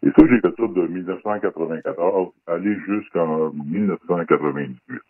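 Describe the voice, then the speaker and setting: An anonymous guest on a radio talk show, a former undercover federal police agent, speaks in Québécois French through an electronic disguise that pitches his voice very deep. He talks a little fast, guarded and hesitant with many fillers. The sound is dry and band-limited like a phone line, with no room sound.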